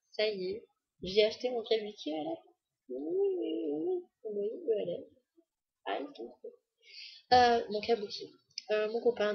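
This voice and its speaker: A woman talks casually and eagerly to the camera about her makeup haul, her voice very breathy and husky. She rambles with many fillers. The sound is dull and muffled, as from a basic home camera. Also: medium pitch. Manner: chatty, enthusiastic, many fillers. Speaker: beauty vlogger.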